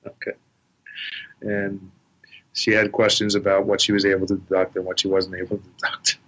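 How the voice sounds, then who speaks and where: A man's voice: low voice, monotone, normal speed, fairly bright tone, rough recording. A man speaking as an accountant guest on a podcast, hesitant and full of fillers. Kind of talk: casual interview chat.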